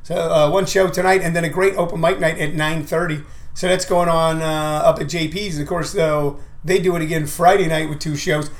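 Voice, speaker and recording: A man's voice: fairly high pitch, little pitch movement, fairly quick. A man talking in a rambling, comic monologue as a comedian and show host, with a folksy, emphatic manner that leans on repeated phrases. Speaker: comedian and show promoter hosting his own talk.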